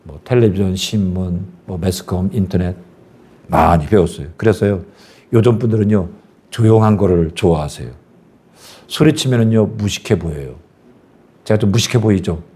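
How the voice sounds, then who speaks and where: A man in his fifties preaching a sermon as pastor, often shouting and then dropping to quiet, conversational asides. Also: moderate pace. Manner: swings from loud exhorting to low conversational asides.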